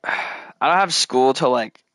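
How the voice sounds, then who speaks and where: A man's voice: medium pitch, slow pace, fairly bright tone, no echo, studio quality. A man chatting casually while playing a building game, rambling and mumbling counts under his breath. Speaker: gamer. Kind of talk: casual let's play commentary.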